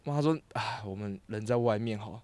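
A man's voice: fairly low pitch, moderate pace, no room sound, clean studio sound. A young man, co-hosting a casual chat and telling work stories with a laugh. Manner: animated, laughs through his stories. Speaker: podcast co-host, former film art crew.

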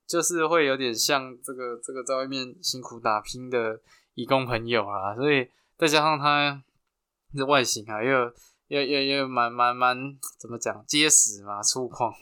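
A man with a Taiwanese Mandarin accent hosting a podcast, telling stories in a chatty, halting way full of restarts. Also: medium pitch, bright, forceful tone, smooth. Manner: chatty, halting with frequent restarts and fillers, laughs at his own stories. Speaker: podcast host. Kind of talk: casual storytelling.

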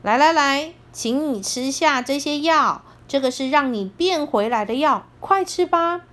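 A woman's voice: lively intonation, a little slow, fairly bright tone. A woman voicing a kind old grandfather who soothes a child in a storybook. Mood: soothing. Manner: low, soothing and coaxing.

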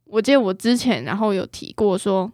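A woman's voice: medium pitch, lively intonation, fairly quick, darkish tone, no room sound, studio quality. A woman with a Taiwanese Mandarin accent chatting casually and bluntly about herself in an informal way. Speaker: guest sharing relationship stories. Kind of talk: casual chat.

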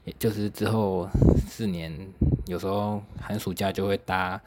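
A man's voice: low voice, level tone, measured pace, heavy background noise. A young man with a Taiwanese Mandarin accent hosting a podcast, chatty and self-mocking, laughing and swearing lightly as he tells stories. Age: young adult. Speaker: podcast host. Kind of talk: casual solo storytelling.

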